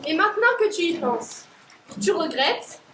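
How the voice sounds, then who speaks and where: A woman's voice: very high voice, very animated, measured pace, background noise, exaggerated voice. A teenage girl acting in a school stage play as a blunt, exhausted young working woman, recorded from far off in an echoey hall. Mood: scornful. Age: teens. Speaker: high school stage actor.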